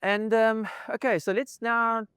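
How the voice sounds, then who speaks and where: A man's voice: high voice, little pitch movement, unhurried, a bit bright, clear, resonant tone, dry recording, studio quality. A man hosting a casual interview, asking conversational questions and adding short encouraging replies. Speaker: interview host.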